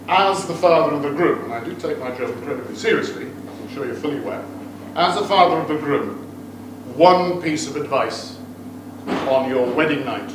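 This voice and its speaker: Teasing father of the groom. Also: a little high. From United Kingdom. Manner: teasing, joking, playful asides to guests. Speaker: father of the groom giving a wedding speech. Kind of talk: wedding toast speech. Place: wedding reception room with guests. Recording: very echoey room, far off, noisy.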